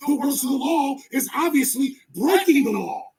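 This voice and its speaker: A man's voice: very high voice, expressive, normal speed, darkish tone, poor audio. A man insistently arguing a scripture point in a heated debate. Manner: emphatic, insistent.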